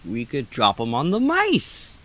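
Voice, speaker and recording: A teenage boy playing a jittery baker's helper who is afraid of mice, with excitable outbursts, in a school radio play. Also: medium pitch, measured pace, no room sound. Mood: joking. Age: teens. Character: jittery young baker's helper, mouse-fearing.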